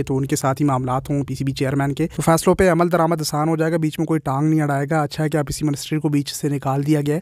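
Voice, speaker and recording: Male vlogger, rapid flat delivery, dry close voice-over. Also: fairly high pitch, no room sound. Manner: chatty, mixes English phrases into Urdu. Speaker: cricket vlogger. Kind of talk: casual voice-over commentary.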